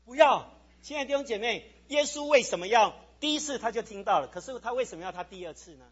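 A male pastor preaching a lively sermon to his congregation, asking them questions as he goes. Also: very high-pitched, quick pace, husky, lo-fi sound. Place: church sanctuary.

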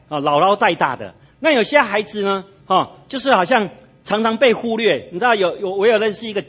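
Through a dull lo-fi sermon recording, a male pastor can be heard preaching in church, weaving stories with frequent tag particles and having the congregation fill in the blanks. His voice is high, husky and fairly bright in tone.

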